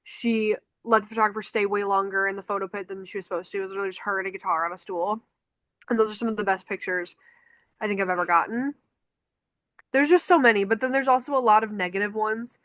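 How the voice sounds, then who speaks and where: A concert photographer and podcast co-host, she's a young woman from Chicago whose accent comes through as she talks quickly in a mid-range voice. Her casual storytelling is animated, with quotes acted out, and there's no room sound.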